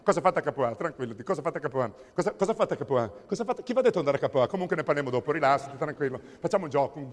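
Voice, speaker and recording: A man playing a fussy male examiner in a stage comedy monologue, rattling off wordplay and repeating himself. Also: on the high side. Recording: theatre stage reverb. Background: audience laughter.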